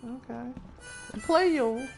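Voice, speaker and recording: A woman with a creaky voice giving casual commentary as she plays a video game. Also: on the high side, slow. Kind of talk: casual let's-play commentary. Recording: game music behind the voice.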